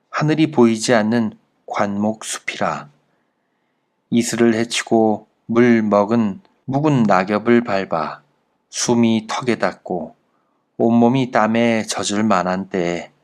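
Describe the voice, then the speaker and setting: A man reading a classic travel essay aloud in a slow, measured literary narration. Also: on the low side. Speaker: audiobook narrator.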